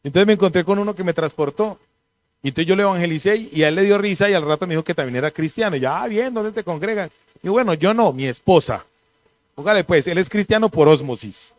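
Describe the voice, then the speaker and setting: A man, a pastor giving a conversational sermon and telling animated, joking stories. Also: high-pitched, fast.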